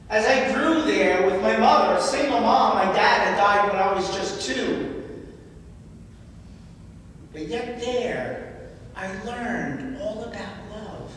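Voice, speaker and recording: High-voiced man preaching in an echoing church. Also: a bit bright, slight background noise. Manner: personal storytelling, emotional at times. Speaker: homilist. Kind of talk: sermon. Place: large church. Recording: echoey church hall from far off.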